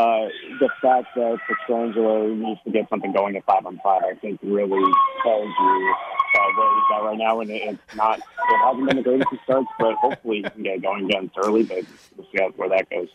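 A male sports reporter giving halting analysis as a radio guest over a dull, noisy phone call. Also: lowish voice, huge pitch swings. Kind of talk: live phone interview. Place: busy airport.

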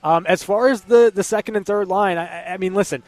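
A male co-host on a sports talk show, pitched a bit higher than most men. The sound is very dry, with no room echo. He talks casually, doubling back on words as he reasons out his analysis. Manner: halting, repeats words as he thinks aloud.

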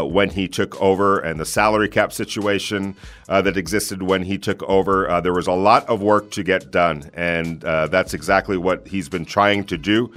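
A man hosting a sports call-in show, giving unscripted commentary in hesitant, measured phrases with many pauses. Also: low-pitched, a bit bright.

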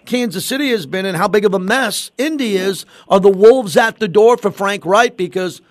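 A man's voice: sits high, normal speed, no echo. An American man hosting sports talk radio, giving emphatic opinions and repeating phrases for emphasis into a close studio mic. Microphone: close studio microphone.

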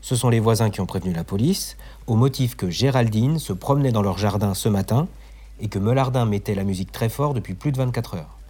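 A man doing a well-meaning, bumbling male inspector in a comedy audio drama. He speaks courteously and a bit pedantically, with a husky edge to his voice. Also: on the low side, fairly quick, mellow. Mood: pedantic. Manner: polite, clumsy, pedantic.

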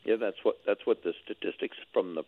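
Low-voiced man on a tinny phone line. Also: no echo. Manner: measured, explanatory, halting restarts. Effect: over the phone. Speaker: real estate board president, radio guest. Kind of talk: call-in radio interview.

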